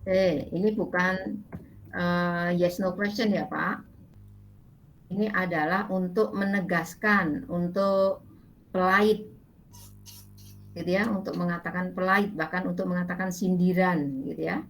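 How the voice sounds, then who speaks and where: A woman's voice: on the low side, fairly even intonation, a little slow, long pauses, low-quality recording. A middle-aged woman lecturer with an Indonesian accent, patiently explaining English grammar to her class with many fillers. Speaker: university lecturer.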